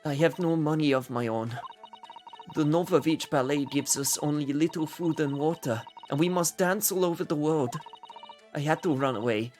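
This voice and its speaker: A man's voice: on the high side, moderate pace, a little mellow, soft background music, natural voice. A man voicing a pleading, dramatic young ballerina from a video game. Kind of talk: video game voice-over read aloud.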